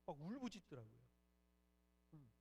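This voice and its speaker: A man's voice: fairly high pitch, sing-song, moderate pace, mellow, slightly rough. A young man preaching a sermon as pastor, earnest and rising to fervent emphasis. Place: church worship hall. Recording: distant mic in a hall, faint hum.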